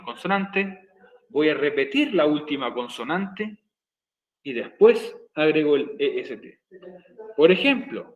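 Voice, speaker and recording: Man teaching slowly in an echoey room. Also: a little high, highs cut off. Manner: slow, repeating explanations step by step. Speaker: English teacher. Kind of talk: recorded video lesson.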